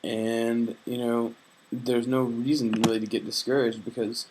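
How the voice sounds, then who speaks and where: This medium-pitched male voice is level and measured, with background noise in the recording. He's a young, homesick vlogger making a casual personal video diary, speaking in a hesitant, reflective way full of fillers and restarts. His manner is earnest and faith-minded.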